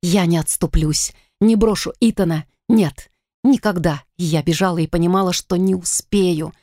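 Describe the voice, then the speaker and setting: A woman narrating a first-person fantasy audiobook in an expressive, dramatic reading. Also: lowish voice, normal speed, no echo, clean studio sound.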